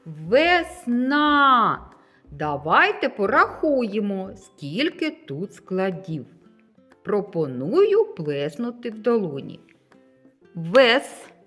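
A woman teacher giving a literacy lesson to young children, pronouncing each sound slowly and clearly. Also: medium pitch, wildly swooping pitch, a bit bright, soft background music. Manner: slow, clear, carefully enunciated sounds for children.

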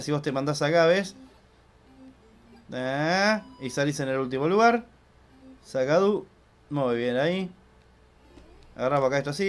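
A young man with an Argentine accent hosting a casual let's-play, chatty and excitable, swearing loudly when he fails. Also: fairly high pitch. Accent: Argentine Spanish. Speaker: gaming channel host.

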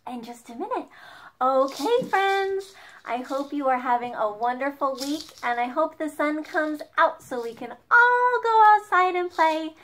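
High, slow-talking woman teaching kids. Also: expressive, a bit bright. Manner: slow, sing-song, cheerful teacher voice. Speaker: children's music leader. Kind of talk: children's song lesson. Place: home dining room.

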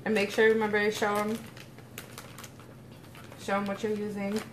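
A woman's voice: mid-range voice, monotone, moderate pace, slight background noise. A young woman chatting casually with her viewers on a livestream, giggly and talkative. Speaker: vlogger.

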